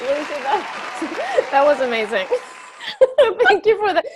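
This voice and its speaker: Woman guest, high animated voice, unhurried and enthusiastic. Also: a crowd in the background, background noise. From Sweden. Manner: warm laughs, enthusiastic replies. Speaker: podcast guest, health coach. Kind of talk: casual podcast chat.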